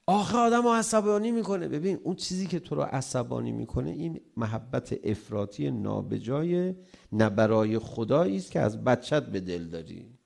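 A middle-aged cleric giving a sermon on marriage, animated, acting out household quarrels in a raised voice. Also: male voice, medium pitch, creaky.

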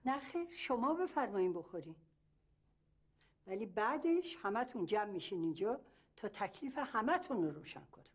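A woman's voice: mid-range voice, very animated, breathy edge. An actress playing a stern woman in charge who scolds the others, in a TV drama. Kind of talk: TV drama acting.

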